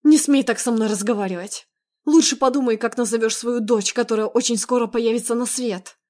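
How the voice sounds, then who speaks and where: A woman reading an audiobook, voicing a tearful, bitter young woman who speaks in a sharp, raised voice. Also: sits high, normal speed, pitched above the performer's own voice, close to an everyday voice. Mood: tearful anger.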